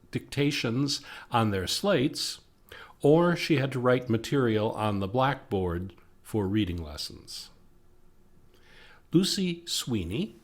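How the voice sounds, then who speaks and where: American male narrator for local history, medium pitch, unhurried scripted read.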